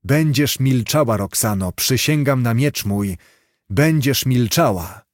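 A man's voice: medium pitch, lively intonation, takes it slowly, no room sound, clean studio sound. A man voicing a cruel, scheming count who makes menacing threats in a storybook reading.

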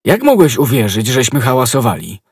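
A man reading an audiobook, voicing a grave, cautious musketeer who speaks in a measured, reproachful way. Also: medium pitch, animated, darkish tone, no echo, studio quality, voice pushed up, lightly acted.

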